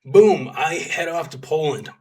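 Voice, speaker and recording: With a fairly high, slightly breathy voice and a somewhat slow pace, a young Texan man recounts his time as a volunteer combat medic. He rambles casually, leans on fillers, and grows animated whenever he quotes other people.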